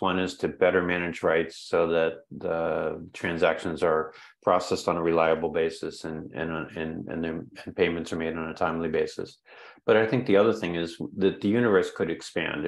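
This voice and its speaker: Older male guest, very low gravelly voice, measured and halting. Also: steady tone. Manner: measured, repeats words while thinking. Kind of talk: conference interview answer. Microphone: webcam video call.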